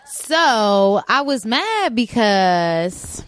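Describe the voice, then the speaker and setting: A woman co-hosting a radio show in a studio, talking in casual, animated, slangy chat. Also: fairly high pitch, extremely slow, clear, resonant tone. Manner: animated storyteller, blunt and slangy. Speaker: co-host.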